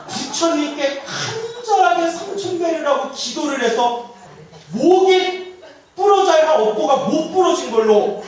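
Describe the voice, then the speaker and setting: A man's voice: extremely high pitch, a bit bright. A man voicing a stern, elderly senior monk who bellows and scolds. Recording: echoey hall, mic far off.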